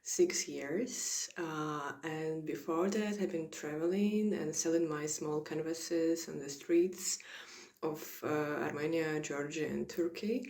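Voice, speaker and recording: A woman from Ukraine introduces herself as a painter in a hesitant, halting way, pausing often on filler sounds. Her voice sits very low, and the recording rings with a roomy echo. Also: a little mellow. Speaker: illustrator and painter. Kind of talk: personal artist statement.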